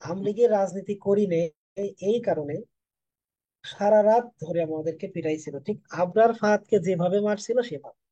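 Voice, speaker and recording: A soft-spoken man in his thirties from Bangladesh, teaching an online English class for admission coaching. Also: high voice, normal speed, no echo, dull audio.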